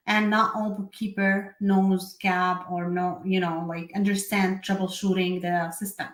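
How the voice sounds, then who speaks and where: Chatty woman from Syria, echoey room. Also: medium pitch. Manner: chatty, with many fillers and self-corrections. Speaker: bookkeeping and tax host. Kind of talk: casual live explainer.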